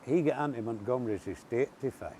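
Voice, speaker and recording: An older man with a rural Ulster accent, chatting and telling stories casually as an interview guest outdoors. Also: quick pace. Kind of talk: casual storytelling chat. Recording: steady background noise, outdoor rumble.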